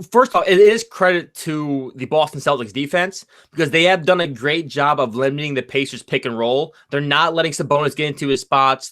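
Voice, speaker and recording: A man talking sports in a loud, excitable way, like a co-host who gets hyped up. His voice sits a bit high and sounds sharp and bright. This is a relaxed, casual chat.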